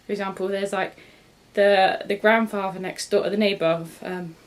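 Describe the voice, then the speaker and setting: A young woman talks through her monthly reading in a loose, rambling way. She corrects herself mid-sentence and laughs easily. Her voice sits at an ordinary middle pitch. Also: fairly even intonation, moderate pace. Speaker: book vlogger. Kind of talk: casual book review chat.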